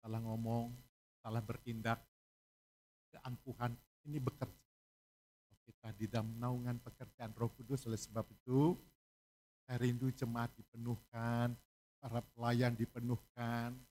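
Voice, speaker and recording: A male pastor preaching a sermon in a church, moving from hushed pleading to loud shouted exhortation. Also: mid-range voice, completely flat delivery, measured pace, pauses often. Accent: Indonesian. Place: church hall.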